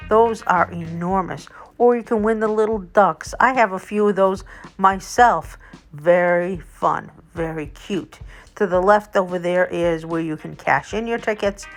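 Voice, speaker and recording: A woman with a low voice speaks a little slowly as she hosts a casual vlog tour, narrating in a chatty, enthusiastic manner as a local tour guide. Background music plays beneath her voice.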